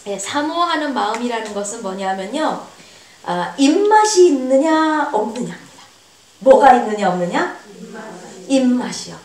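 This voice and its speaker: Woman, pastor's wife, earnest sermon delivery, fairly high voice, echoey far-off hall sound. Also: sing-song, moderate pace, darkish tone. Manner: earnest, acts out quoted voices with big pitch jumps. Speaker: pastor's wife leading a seminar. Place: church hall.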